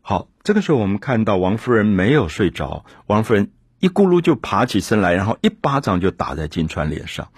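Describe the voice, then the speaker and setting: A man with a low, husky voice gives an earnest literary lecture, thinking aloud and leaning on key words. The sound is close and dry, with no room around it. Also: sing-song, brisk, few pauses, no room sound.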